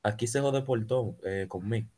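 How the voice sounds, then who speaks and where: A man with a Dominican accent, co-hosting a casual podcast chat in a joking, animated way, often repeating words. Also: on the low side, brisk, breathy edge. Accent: Dominican Spanish. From Dominican Republic. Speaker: podcast co-host.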